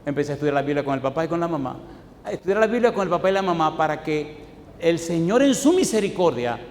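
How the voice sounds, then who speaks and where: A man's voice: on the high side, very animated, fast, a little mellow. A man preaching in an echoey hall. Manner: preaching with repeated rhetorical questions to the congregation; storytelling from his own life. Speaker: pastor. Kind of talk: sermon. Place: church hall. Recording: echoey hall, faint background noise.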